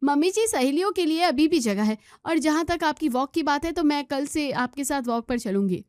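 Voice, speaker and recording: Young daughter-in-law in a storybook, woman performing: high, bright pitch, pleading and defensive, dry close sound. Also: animated, normal speed, dry recording.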